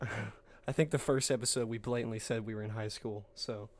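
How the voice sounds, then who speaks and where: A man's voice: on the low side, steady tone, moderate pace. A man in his late twenties co-hosting a podcast in casual chat, laid-back and jokey, laughing often and swearing. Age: late 20s. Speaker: podcast co-host.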